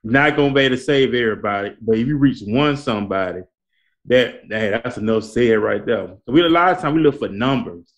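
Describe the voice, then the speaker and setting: This host's voice is medium-pitched, expressive and brisk as he delivers a conversational motivational sermon. Colloquial and exhorting, he keeps repeating his points to spur his listeners on.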